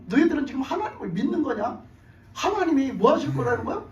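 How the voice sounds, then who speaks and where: A man's voice: extremely high pitch, very animated, fast talker, a little mellow, lo-fi sound, slight background noise, exaggerated voice. A man doing a chiding, exasperated teacher. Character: calm, scolding male teacher rebuking faithless followers. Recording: echoey church from far off.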